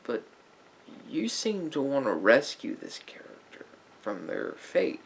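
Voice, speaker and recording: In a soft-spoken ASMR roleplay, a man plays a patient, probing therapist gently counselling a client, sounding puzzled and inquisitive. His mid-range, gravelly voice is exaggerated, swooping wildly in pitch and dropping to breathy near-whispers, with halting, deliberate phrasing, pauses and reflective murmurs. The audio is poor, with slight background noise.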